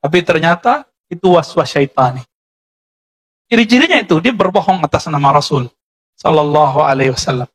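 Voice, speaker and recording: A man's voice: fairly high pitch, expressive, fairly quick, long pauses. A man preaching a sermon to a congregation in Indonesian-accented speech, lecturing conversationally and often checking in with his listeners. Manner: conversational lecturing, addresses listeners as Pak, frequent "ya" tags. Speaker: Islamic preacher.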